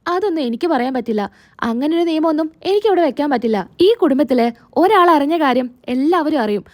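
A woman's voice: high voice, expressive, brisk. A woman voicing a stern older father who speaks firmly.

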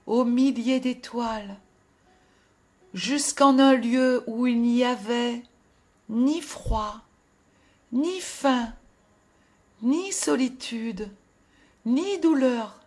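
A woman narrating a fairy tale in a gentle, expressive storytelling voice that drops to a hush at sad moments. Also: on the high side, extremely slow, long pauses. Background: faint music.

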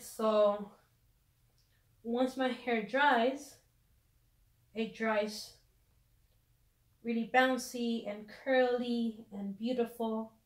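A woman vlogger chatting casually through her hair routine, full of fillers, recorded on a phone camera. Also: a little high. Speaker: beauty vlogger.

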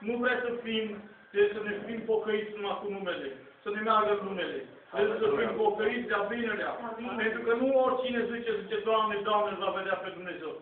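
Filmed from far back in a small church hall by someone in the audience holding a camera, a middle-aged man preaches with fervor and no script. This lay preacher's voice sits high, and his earnest, exhorting style is repetitive; the distant phone audio is tinny, echoey and noisy.

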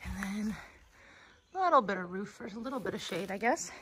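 A woman's voice: medium pitch, expressive, a little fast, sharp tone, slight background noise. A woman giving a casual, chatty walking tour of an outdoor school, a bit out of breath, exclaiming at what she finds. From United States. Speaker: vlogger touring a school. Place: outdoors at a wooded farm school.

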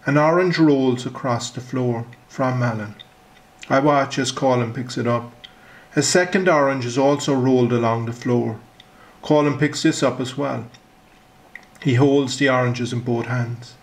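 Quiet man reading his story. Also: mid-range voice, rough recording. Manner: measured, quiet, drops to a near whisper for the detective's lines. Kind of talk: literary first-person story reading.

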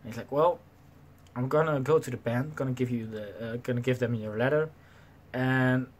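A young man in his twenties casually telling a story to his camera, animated and swearing freely, acting out the people in it, recorded in a small bedroom on a desk webcam. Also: mid-range voice, normal speed, slight background noise. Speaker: vlogger. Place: small bedroom with slanted ceiling, indoors.

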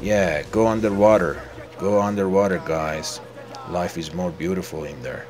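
A man streaming a video game, joking crudely with the characters and bursting into loud shouts. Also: low voice, fairly even intonation, normal speed. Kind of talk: gameplay commentary.

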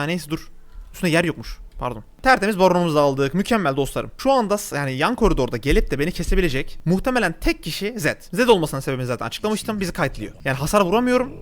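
Young Turkish-accented male gamer, talks very fast, slightly high voice, chatty commentary while playing. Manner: rapid, chatty, exclaims at the game and the viewers. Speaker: gaming YouTuber. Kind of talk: live gameplay commentary. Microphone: desk mic at a gaming setup.

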